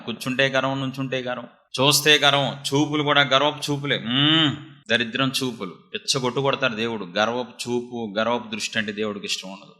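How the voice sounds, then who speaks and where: A male preacher whose voice is piercingly sharp and forceful. He scolds and drives his points home with rhetorical question after question. He preaches an insistent sermon. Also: mid-range voice.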